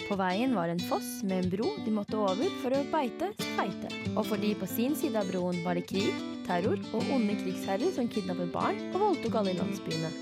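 A woman radio host narrating a satirical fairy tale deadpan, delivering dark jokes matter-of-factly. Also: medium pitch, hardly any pauses. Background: loud guitar music.

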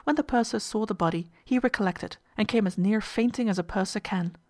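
A woman reading a story aloud in scripted narration, in an even, measured way. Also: medium pitch, dry recording, clean studio sound.

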